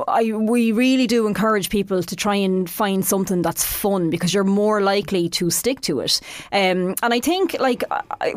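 A woman's voice: medium pitch, dry recording. Irish woman hosting a studio interview. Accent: Irish, County Laois. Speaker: radio show host. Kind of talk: casual interview. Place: radio studio.

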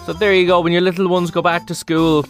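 A man's voice: sits high, flat delivery, soft background music. A man hosting a breakfast radio show, upbeat and playful. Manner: upbeat, playful, quick to laugh along. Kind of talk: casual radio chat.

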